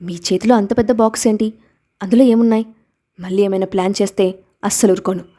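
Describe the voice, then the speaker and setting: Woman reading as a defiant young mother in an audio story; sharp, reproachful, mellow tone. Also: medium pitch, fairly even intonation, fast, natural voice. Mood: indignant.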